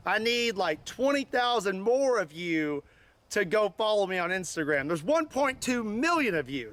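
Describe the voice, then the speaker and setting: An American man talking casually and excitably as he hosts an unscripted outdoor demonstration. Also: sits high. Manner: excitable, exclaiming. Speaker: host of a shooting video. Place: outdoors at a shooting range.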